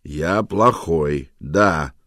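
A harried, defensive husband who grumbles and snaps with sarcasm, as a male narrator voices him. His voice is very deep and the sound is close and dry. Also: very slow, a bit bright, no room sound, heavily acted. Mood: grumbling. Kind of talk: audiobook character voice.

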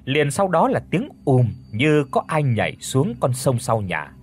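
Male audiobook narrator for horror tales, very lively intonation, mid-pitched. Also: measured pace, husky. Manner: animated, dramatic storytelling. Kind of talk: scripted horror story narration.

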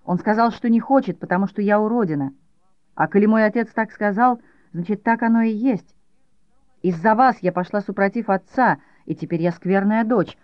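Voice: mid-range voice, normal speed, no echo, lightly acted. An audiobook reader voicing a coarse, stubborn rustic maid who speaks in plain folksy words. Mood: sulky. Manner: plain folksy speech, terse and sulky. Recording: dull dry audiobook recording.

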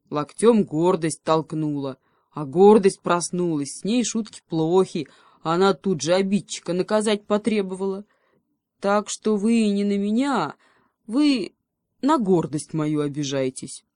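A woman's voice: fairly low pitch, lively intonation, a little slow, dark tone, no room sound, studio quality. A woman voicing a sly, boastful female pig in a storybook reading, brash and drawling. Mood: brazen.

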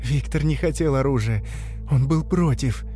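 A man's voice: medium pitch, normal speed, warm tone, soft background music, pitched above the performer's own voice, lightly acted. A man voicing a frightened, grieving captive woman who answers faintly and reluctantly.

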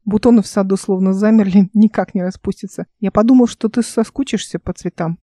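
A woman reading the part of a cheerful, sly young man, speaking in a soft, lowered voice. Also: steady tone, fairly quick, no echo, clean studio sound, close to an everyday voice. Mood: gentle.

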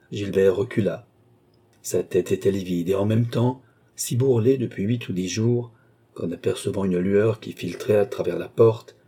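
A man reads a classic novel aloud for an audiobook, telling the story in a measured, even way. His voice is on the low side with a breathy edge.

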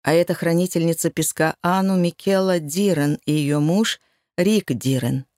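A woman voicing a calm, protective man in an audiobook, speaking low and steadily. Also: normal speed, dry recording, studio quality, close to an everyday voice. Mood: soothing. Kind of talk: audiobook reading.

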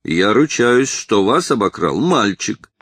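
A man's voice: lowish voice, very animated, slow pace, a bit bright, no room sound, studio quality, heavily acted. A man reading the part of a burly, sly pickpocket who blusters and threatens. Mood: blustering.

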